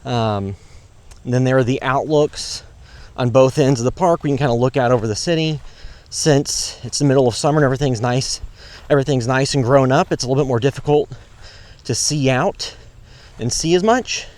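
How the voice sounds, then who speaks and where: A man's voice: mid-range voice, a little fast, darkish tone. A man narrating casually and unscripted as he explores, in a hesitant, rambling, matter-of-fact way. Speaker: vlogger exploring a park. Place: outdoors in a park. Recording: clear outdoor ambient noise. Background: outdoor ambience, road noise.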